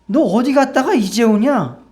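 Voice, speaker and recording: A woman's voice: on the high side, lively intonation, normal speed, darkish tone, a little hiss or hum, natural voice. A woman preacher voicing a flock of friendly swans who coax and welcome a lost bird in a sermon story. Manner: friendly, coaxing.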